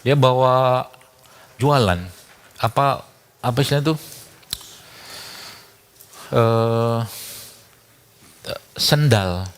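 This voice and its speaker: A man's voice: medium pitch, drawn-out words, pauses often, smooth. A man giving a casual talk full of anecdotes. He chuckles often and acts out the dialogue he quotes.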